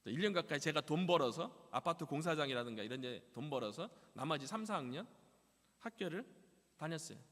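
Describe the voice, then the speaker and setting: A male pastor tells his testimony from the pulpit in a high, bright voice that swoops up and down with feeling. The sound rings with the long reverb of a church hall. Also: lively intonation, fairly quick. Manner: emotional storytelling, acts out quoted parents. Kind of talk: testimony sermon. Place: church sanctuary.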